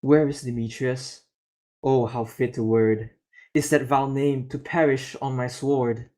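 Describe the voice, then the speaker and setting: A man's voice: mid-range voice, steady tone, a little slow, a little mellow, natural voice. A man voicing a besotted young nobleman in an amateur Shakespeare reading, declaiming the verse steadily. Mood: fervent.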